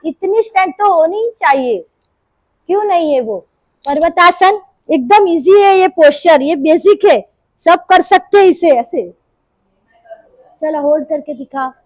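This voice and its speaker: Lady yoga teacher w sore throat, high voice, slow and dry, counting reps n nagging the class. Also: no echo, rough recording. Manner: scolding, coaxing, counts reps aloud. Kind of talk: live group class instruction. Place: indoor yoga class room.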